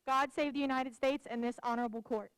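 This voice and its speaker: A woman acting as court bailiff, calling out a formal ceremonial proclamation loudly in the manner of a town crier. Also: sits high, fairly even intonation, fast talker, clean tone, no echo.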